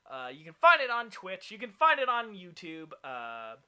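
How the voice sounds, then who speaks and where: Male podcast host, excitable rambler, bright and slightly high voice. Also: normal speed, smooth. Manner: rambling, filler-heavy, excitable. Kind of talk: casual chat.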